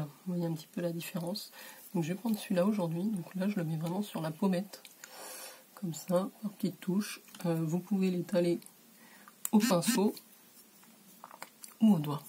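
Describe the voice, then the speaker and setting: Woman, beauty vlogger, casual makeup tutorial, lowish mellow voice, faint hiss. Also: moderate pace, pauses often, husky. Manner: relaxed and chatty, many hesitations, drops to a whisper while applying. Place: warm bedroom.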